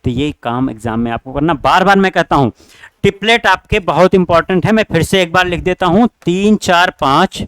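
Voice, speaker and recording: A man teaches an online exam-prep class, working through test questions and urging his students directly, again and again. His high voice is a little fast, slightly bright, and smooth, with no echo.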